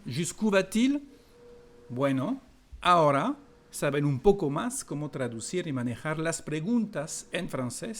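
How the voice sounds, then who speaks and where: Slow-speaking man. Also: a little high. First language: French. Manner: repeats example phrases, switches into lively acted French questions. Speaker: French teacher. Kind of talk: language lesson.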